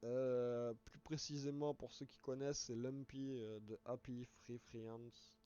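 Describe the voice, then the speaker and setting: Man, hoarse, live game streamer, rambling explanations, dark warm tone, muffled lo-fi audio. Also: mid-range voice, fairly even intonation, measured pace. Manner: rambling, restarts words, explains step by step.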